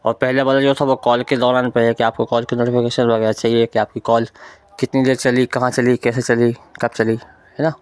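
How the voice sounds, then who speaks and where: A man's voice: mid-range voice, little pitch movement, brisk, darkish tone, clear, resonant tone, no echo. A man giving an informal spoken tech tutorial, explaining step by step and often checking in with the listener. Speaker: tutorial presenter.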